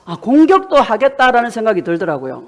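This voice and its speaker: A woman's voice: on the high side, big pitch swings, fast. A woman pastor delivering a fervent sermon, exhorting her congregation and telling stories along the way. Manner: fervent, exhorting with storytelling asides.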